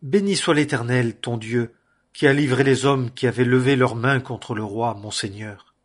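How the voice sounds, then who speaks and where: A man's voice: mid-range voice, moderate pace, lightly acted. A man reading the lines of an eager young messenger during a scripture reading. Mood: reverent.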